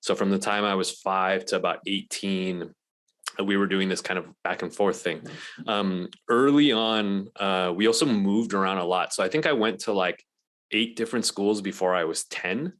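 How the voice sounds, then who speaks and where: A man's voice: low voice, normal speed, fairly bright tone. A man from Malaysia, a guest on an interview podcast, talking casually with many ums and restarts. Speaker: guest, venture investor.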